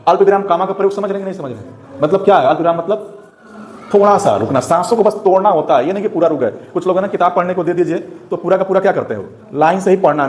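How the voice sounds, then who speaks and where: A man's voice: on the high side, darkish tone, reverberant. A man teaching Hindi grammar to students, explaining step by step and often checking whether they have understood.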